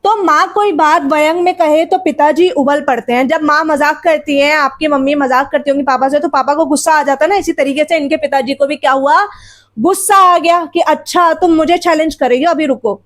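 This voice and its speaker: A woman teacher with a high voice walks her students through a textbook story. She explains word meanings again and again and keeps asking rhetorical questions. She often addresses the children directly. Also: brisk, fairly bright tone.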